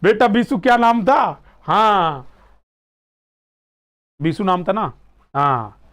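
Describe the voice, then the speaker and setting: A man's voice: sits high, animated, takes it slowly, fairly bright tone. A male teacher giving a classroom lecture, playful, calling students by name and quizzing them.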